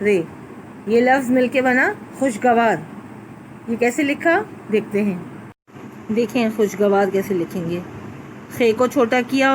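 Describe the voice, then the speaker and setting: Slightly high and a little mellow, the voice belongs to a primary school Urdu teacher patiently guiding children through letters step by step. It's a low-quality recording of a class lesson with slight background noise.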